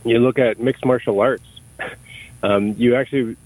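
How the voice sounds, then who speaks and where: This middle-aged man from Canada talks in a mid-range, darkish voice at a slightly slow pace with fairly even intonation. As an interview guest in a conversational exchange, he searches for his thoughts, restarting often and repeating words, on a low-quality recording.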